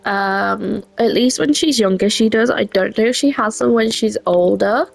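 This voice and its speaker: While creating a game character, a young woman with a head cold rambles a bit in a chatty, self-deprecating way, her voice congested and full of fillers. She's a gaming creator doing casual gameplay commentary, speaking at medium pitch and a moderate pace with some creak. Faint music plays behind her.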